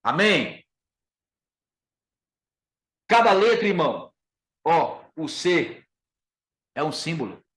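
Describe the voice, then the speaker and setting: A man's voice: on the high side, very animated, takes it slowly, long pauses, fairly bright tone. A man with a Brazilian Portuguese accent, teaching a Bible lesson as a pastor, emphatic, repeating his key phrases and calling listeners brother. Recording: echoey room.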